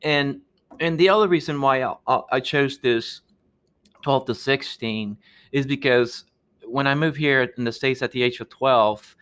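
Earnest Peruvian-born man, halting speech. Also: mid-range voice, fairly bright tone, clear, resonant tone. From Peru. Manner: earnest, halting with many restarts. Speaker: guest, architect. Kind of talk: podcast interview.

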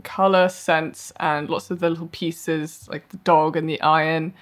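A woman's voice: low voice, flat delivery, unhurried. A woman co-hosting a podcast in casual chat, rambling with self-mocking asides. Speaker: podcast co-host. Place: live event venue.

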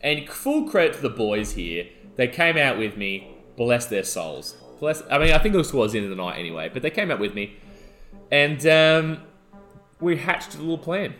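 A man co-hosting a podcast, telling a rowdy story in casual chat and swearing as he acts out the shouting. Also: mid-range voice, moderate pace, faint music behind. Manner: animated, swearing, acts out shouting in his stories. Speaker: podcast co-host.

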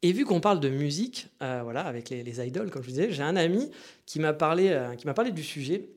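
A man's voice: on the high side, animated, fast. A man hosting a casual monologue, chatty and meandering, with frequent asides to his listeners. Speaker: podcast host.

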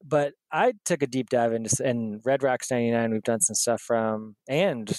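A man's voice: medium pitch, normal speed, darkish tone, no room sound, close to an everyday voice. A man putting on a Wisconsin-accented fan. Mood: reminiscing. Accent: Wisconsin, put on. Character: man recounting tour dates in a put-on Wisconsin accent.

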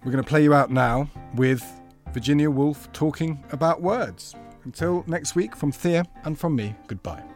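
A Northern English man hosts a literary podcast. His vowels are flat and provincial, and he talks in a casual, halting, self-deprecating manner. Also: on the high side, faint music behind. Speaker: podcast host.

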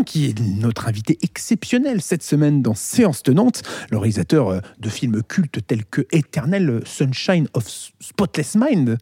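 A man's voice: fairly high pitch, dark tone, breathy edge, no room sound. A man hosting a casual film podcast, teasing his co-hosts playfully and leaning on lots of fillers. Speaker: podcast host.

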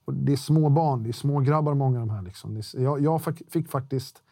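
Middle-aged man, podcast guest, dark voice, dry close sound, blunt and slangy, swears a lot. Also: medium pitch, vocal fry, no room sound. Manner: blunt, slangy and full of swearing, with many restarts. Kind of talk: casual interview talk.

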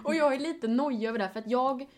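A young woman co-hosting a podcast in casual chat, chatty and quick to tease, often giggling. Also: high voice. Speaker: podcast co-host.

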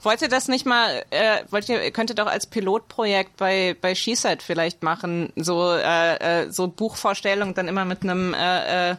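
A woman's voice: lowish voice, moderate pace, few pauses, a bit bright. A woman co-hosting a podcast talks casually, stopping and restarting as she searches for words. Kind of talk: casual chat.

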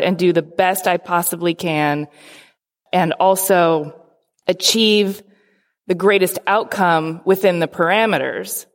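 A woman TV host speaking as a panelist at a live discussion, reflective and measured. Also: fairly low pitch. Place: large lecture hall. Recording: long hall reverb.

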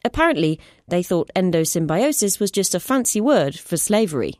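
A woman voicing a sharp, impatient woman scientist who explains in a brisk, lecturing way, read as an audiobook. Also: on the low side, big pitch swings, no echo, clean studio sound. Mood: urgent lecturing. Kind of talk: audiobook reading.

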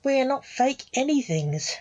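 A woman's voice: sits high, very animated, normal speed, a little mellow, pitched above the performer's own voice. Woman voicing a bickering grown dad. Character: exasperated father, adult man. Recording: dull lo-fi recording.

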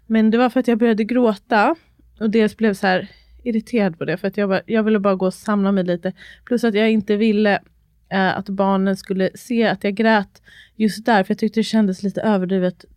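A woman in her thirties talks on a podcast in a lively, laughing way and drops English phrases into her Swedish. Her voice sits at a middle pitch. The recording is dry and close. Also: dry recording. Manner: animated, laughing storyteller, mixing in English phrases. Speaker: podcast co-host. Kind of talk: casual chat.

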